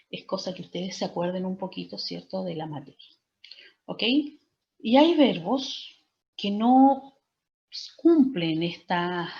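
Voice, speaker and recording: Woman, English teacher, patient step-by-step explainer, lowish voice, dull recording. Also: gravelly. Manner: patient, explains step by step with frequent "¿cierto?" and "¿ok?" checks. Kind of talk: online class lecture.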